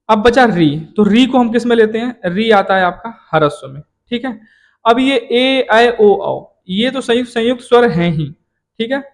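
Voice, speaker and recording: A man teaching a classroom lesson who asks questions and answers them himself, dropping lower on each answer. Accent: Hindi, from eastern Uttar Pradesh.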